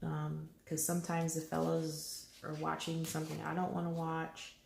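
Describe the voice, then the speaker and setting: A woman's voice: deep voice, normal speed, creaky, roomy sound, slight background noise. A middle-aged woman hosting a coloring channel, chatting animatedly to her viewers from home while she colors. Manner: chatty, animated storytelling with laughs. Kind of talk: casual chat while coloring. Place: bedroom at home.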